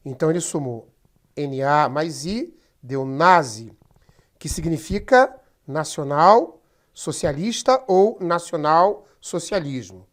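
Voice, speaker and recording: A woman's voice: sits low, animated, takes it slowly. A woman, teaching a history lesson over slides in a chatty, step-by-step way, often addressing her students directly. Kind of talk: recorded class lecture over slides.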